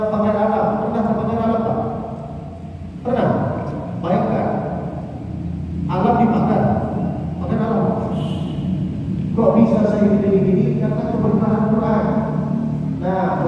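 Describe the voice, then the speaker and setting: A man's voice: high-pitched, mellow, slight background noise. A young man who grew up in Saudi Arabia, preaching to parents and often asking the audience questions. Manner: rhetorical questions to the audience, chanting Arabic verses. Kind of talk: religious lecture to parents. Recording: echoey hall, far from the mic, dull sound.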